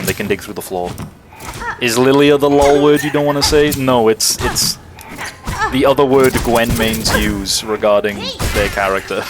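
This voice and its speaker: Joking Welsh man streaming a game. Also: fairly low pitch. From Wales. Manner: joking, chatty, swears freely, reads chat aloud. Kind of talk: casual gameplay chat.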